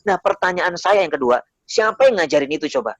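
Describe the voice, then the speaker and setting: A man's voice: sits high, animated, brisk, no room sound, lo-fi sound. A man giving an Islamic study lecture in a conversational way, often asking the audience questions and acting out little voices. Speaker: Islamic preacher.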